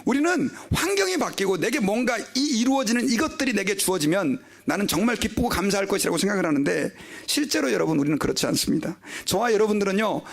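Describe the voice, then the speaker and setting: A man's voice: high-pitched, lively intonation, quick pace, creaky, hardly any pauses. A male pastor preaching a sermon, telling stories with animation, often addressing his listeners directly and leading them in reading aloud. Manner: leads the congregation in reading aloud.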